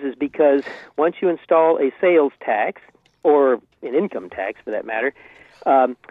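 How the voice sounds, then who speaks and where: Caller, male, on a tinny landline phone, fairly high voice, earnest and halting, keeps restarting. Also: no room sound. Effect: voice over a landline phone. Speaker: radio call-in caller. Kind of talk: call-in opinion on a talk radio show.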